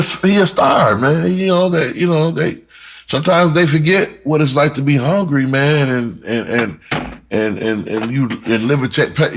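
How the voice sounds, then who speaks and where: A medium-pitched, slightly bright voice carries this middle-aged American's personal story. The rapper and writer speaks candidly and casually, cursing freely and repeating words for emphasis.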